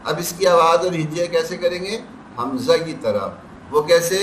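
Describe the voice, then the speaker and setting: Male tajweed teacher, slow syllable drills, faint hiss behind, distant mic. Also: fairly high pitch, a bit bright. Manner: drawn-out syllable drills between quick explanations. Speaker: Quran recitation teacher. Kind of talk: tajweed class lesson. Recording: echoey room, distant mic.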